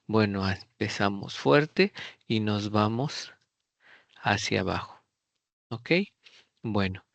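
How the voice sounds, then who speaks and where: A middle-aged man, teaching an online English class, explaining and modelling question intonation at an unhurried pace. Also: lowish voice, fairly bright tone, dry recording. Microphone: computer mic on a video call.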